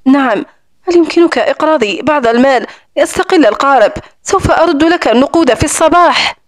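A woman reading the part of a gentle young female guide, soft-spoken and anxious. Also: sits high, animated, quick pace, dry recording, clean studio sound. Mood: flustered.

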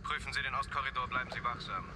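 Soldier over a military radio, clipped radio talk, formal, noisy audio. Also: male voice, mid-range voice, fairly even intonation, racing. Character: male army radio operator calling in by radio. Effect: voice heard over a military radio.

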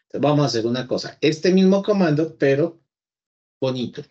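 A man's voice: on the high side, lively intonation, brisk, warm tone. A man teaching a live coding class, chatting and talking to his computer as if it were a person. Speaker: programming teacher. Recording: slightly dull lo-fi audio.

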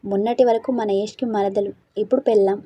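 A talkative, joking young man voiced by a woman narrator in a storybook reading. He teases and rambles in a dark, husky voice. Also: mid-range voice, steady tone, brisk, no echo, natural voice. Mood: chatty. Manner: teasing, chatty.

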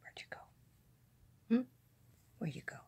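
A woman at home at night, talking to her cat in soft whispered baby talk while they play. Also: measured pace.

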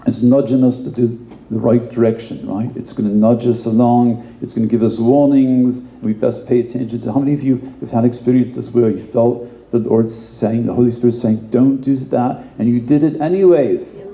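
A man's voice: medium pitch, fairly even intonation, normal speed, warm tone, reverberant, muffled recording. A male pastor giving a conversational sermon, often repeating words and adding asides.

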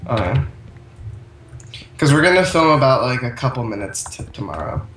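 A man's voice: mid-range voice, big pitch swings, normal speed, a bit bright, far from the mic. Young man groaning on an echoey mic. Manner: joking, dramatic groaning. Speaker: gamer. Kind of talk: casual gaming chat. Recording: echoey room mic from afar, faint hiss.

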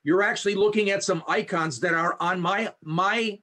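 A man with a fairly high, breathy-edged voice leads an online Bible study as its teacher. He explains things slowly and kindly, filling pauses with ums and uhs. He is heard over a video call through a video camera. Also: bright, forceful tone. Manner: friendly, explains slowly with frequent fillers. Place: home setup on a video call. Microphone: high definition video camera.

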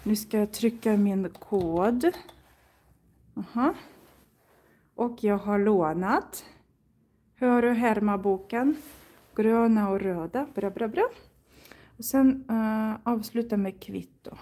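A woman's voice: medium pitch, long pauses, dark tone. A woman chatting casually to viewers as she browses and borrows books in a library, thinking aloud and reading titles out. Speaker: Swedish teacher and vlogger.

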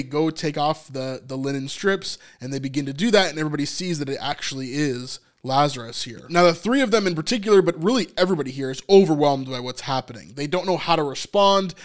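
A man giving a casual, chatty recap of a TV episode, with lots of fillers and frequent small laughs. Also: fairly high pitch. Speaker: TV episode reviewer.

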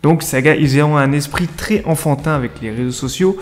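This fairly high-pitched, brisk voice belongs to a man in his 30s who makes gaming videos. He reviews a game casually and with slang, chatting to viewers in asides while music plays underneath.

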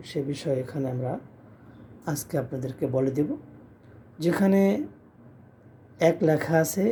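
A man's voice: a little high, warm tone, a little hiss or hum. A man with a Bangladeshi Bengali accent teaching Arabic letters, explaining plainly and then drawing out each letter name in a chanted recitation. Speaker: Quran reading teacher. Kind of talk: slow letter-by-letter recitation lesson.

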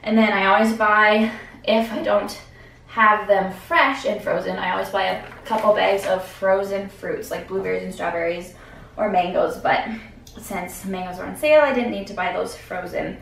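A woman's voice: medium pitch, normal speed, creaky, fairly bright tone, recorded from a distance. A young adult woman walking through her groceries in casual vlog chat, thinking aloud with fillers, recorded at home in her kitchen by a camera a few steps away. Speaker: vlogger. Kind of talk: casual grocery haul walkthrough. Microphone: camera at a distance. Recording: echoey kitchen, voice from off the mic.

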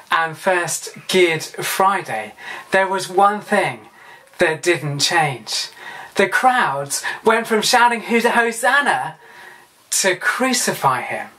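Low-voiced woman giving a children's talk. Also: fairly bright tone. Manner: playful, chatting aside to a puppet. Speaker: trainee vicar.

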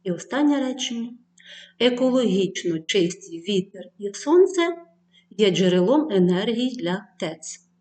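A woman teacher giving a distance-learning lesson to schoolchildren, reading word lists clearly and addressing the pupils with tasks. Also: medium pitch, expressive, measured pace, warm tone.

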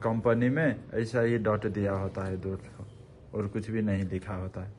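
A man with a fairly low voice, talking a listener through an engine repair one part at a time. He speaks in a plain workshop manner, and clear workshop noise runs under him. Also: little pitch movement, moderate pace, darkish tone. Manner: explains parts step by step while working. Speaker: motorcycle mechanic. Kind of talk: casual workshop explanation. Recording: noisy workshop.

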